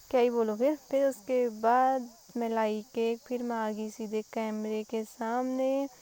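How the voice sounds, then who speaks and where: A woman's voice: a little high, warm tone, slight background noise. Giggly young woman narrating her vlog. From Kumaon, Uttarakhand. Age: young adult. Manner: chatty, giggly storytelling. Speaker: vlogger. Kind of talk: casual vlog voice-over narration.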